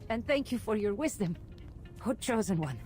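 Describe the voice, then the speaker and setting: A meek young cult follower, voiced by a woman in a video game, stammering her words humbly. Soft game music plays behind her. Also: mid-range voice, lively intonation, normal speed, natural voice.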